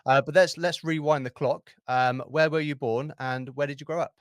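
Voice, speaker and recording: A man's voice: fairly high pitch, steady tone, normal speed, dry recording, studio quality. A man hosting a podcast, asking friendly, easygoing questions with plenty of fillers. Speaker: podcast host. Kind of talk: interviewing.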